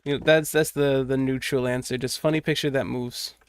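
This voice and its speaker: A man's voice: mid-range voice, steady tone, a little fast, smooth, no room sound. Young male streamer, rambling and cursing. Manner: rambling, swears casually, mutters while working. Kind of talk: casual livestream chat while drawing.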